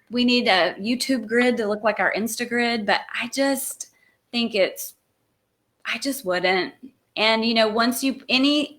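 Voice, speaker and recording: A woman yoga teacher hosting a live online Q&A over a video call, explaining in a chatty way with quick restarts. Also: mid-range voice, sharp tone.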